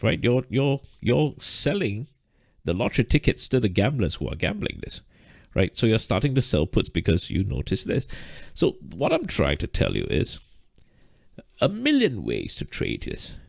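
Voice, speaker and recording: A man's voice: on the low side, wildly swooping pitch, moderate pace, gravelly, no room sound, clean studio sound. A man teaching a live trading lesson, explaining step by step and checking in with "right?", short of breath. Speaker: trading instructor.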